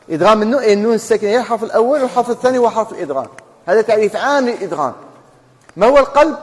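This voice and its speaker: Algerian guy teaching tajweed in a mosque, fairly high voice, long echo off the walls, keeps asking questions and answering them. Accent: Algerian Arabic. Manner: questions students, answers himself, spells out rules. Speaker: Quran recitation teacher. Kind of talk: classroom tajweed lesson. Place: mosque hall.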